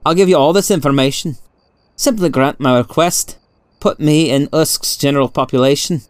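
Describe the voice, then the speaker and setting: A man voicing a criminal mastermind professor in a storybook, polite and measured, with cool menace. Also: on the high side, no echo, lightly acted. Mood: placid.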